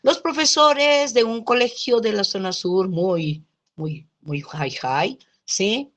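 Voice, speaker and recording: A woman's voice: medium pitch, takes it slowly. A woman lecturing in sociology class, telling stories and checking in with listeners through little question tags. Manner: lively storytelling, often adds checking tags like "¿no?" and "¿sí?". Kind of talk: lecture told through anecdotes.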